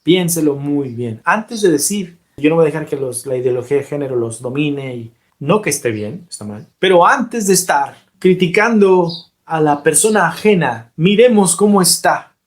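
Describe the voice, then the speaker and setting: A man preaches by retelling a story, animated and emphatic. He slows down deliberately on key points, and his voice is pitched somewhat high for a man. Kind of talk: sermon-style storytelling.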